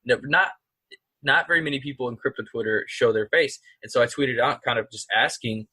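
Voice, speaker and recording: Bright-voiced man chatting casually. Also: medium pitch, brisk, slightly rough, no echo. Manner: rambling, frequent restarts and fillers. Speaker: podcast co-host. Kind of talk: casual chat.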